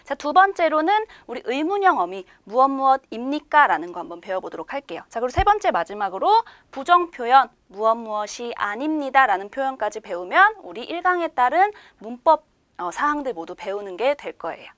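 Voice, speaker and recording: Female instructor for a recorded lesson, animated delivery with lots of questions to the class, close and dry. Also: high-pitched, fairly quick, no room sound. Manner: patient, explains step by step with many rhetorical questions. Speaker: language teacher. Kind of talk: online language lecture.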